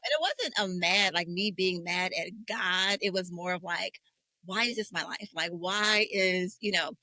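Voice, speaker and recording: A woman in her forties hosts a faith-centered conversation about grief. She talks candidly and emotionally, searching for her words with many fillers. Her voice is bright and forceful, heard close and dry. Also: fairly low pitch, unhurried, no room sound, poor audio. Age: 40s. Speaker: podcast host.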